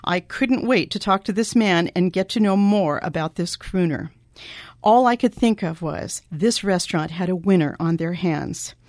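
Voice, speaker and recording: A woman's voice: lowish voice, moderate pace, darkish tone, no echo. Enthusiastic female show host, dry sound. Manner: enthusiastic, addresses listeners directly. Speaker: radio show host and singing teacher. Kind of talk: interview hosting.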